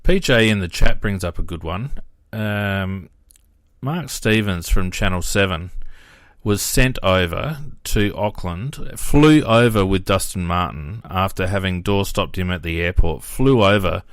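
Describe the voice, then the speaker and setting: A man's voice: low-pitched, expressive, unhurried, no room sound, clean studio sound. A man hosting a podcast in casual chat, blunt and exasperated. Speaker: podcast host.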